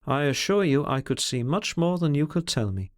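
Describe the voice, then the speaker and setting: A man's voice: a little high, animated, lightly acted. A man reading as a brooding, scornful man. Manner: bitter, introspective, measured.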